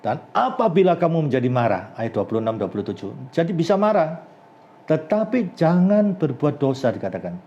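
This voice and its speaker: Middle-aged male pastor, earnest sermon delivery, mellow low-lit timbre, bursts upward on warnings. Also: very animated, brisk, muffled recording. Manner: earnest, rises sharply when stressing anger and danger.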